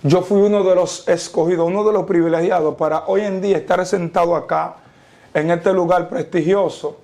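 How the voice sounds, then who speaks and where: Speaking in a testimony interview, a young man from the Dominican Republic weighs each idea like a sermon, pausing emphatically and quoting the Bible slowly. His tone is steady; his voice, dark and mellow yet a touch high for a man, frays into gravel at phrase ends, colored by a Dominican Spanish accent.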